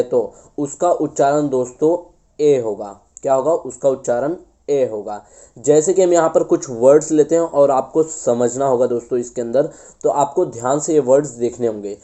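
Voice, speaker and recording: A man's voice: medium pitch, dark tone. Hindi-speaking man teaching English pronunciation. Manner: addresses viewers as friends, repeats answers to his own questions; slows down to spell out words. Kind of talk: classroom-style lesson.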